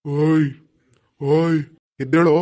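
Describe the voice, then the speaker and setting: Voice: mid-range voice, fast, darkish tone, natural voice. A performer voicing a menacing, mocking ghost in a cartoon. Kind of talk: animated cartoon voice acting.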